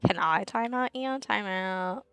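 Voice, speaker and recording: A woman's voice: mid-range voice, unhurried, a bit bright, clean tone, dry recording, soft background music, rough recording. A young woman livestreaming and chatting casually with viewers, giggly and rambling, often laughing mid-sentence.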